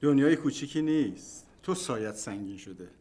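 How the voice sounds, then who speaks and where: A boastful office deputy , played by an actor, talks wryly with an old friend in a TV sitcom. His pitch is ordinary, with faint background noise. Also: animated, mellow, lightly acted. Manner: wry and boastful. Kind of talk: sitcom acting.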